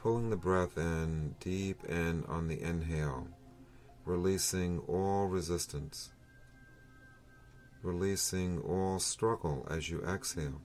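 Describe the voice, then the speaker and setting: A man leading a guided breathing meditation in a soothing, unhurried manner, leaving long pauses between phrases. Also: deep voice, a little mellow. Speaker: meditation teacher.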